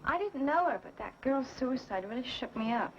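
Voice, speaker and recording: A woman's voice: high voice, big pitch swings, moderate pace. Shaken young woman, muffled old film sound. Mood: uneasy, gentle. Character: shaken, inquisitive young woman at a girls' school. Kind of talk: 1970s TV movie horror-mystery acting. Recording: dull, noisy 1970s TV film soundtrack.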